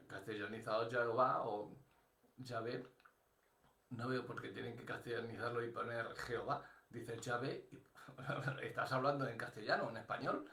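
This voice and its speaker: A man's voice: mid-range voice, fairly bright tone, reverberant. An older man with a Spain Spanish accent preaching a sermon as pastor, conversational, thinking aloud with restarts and asides.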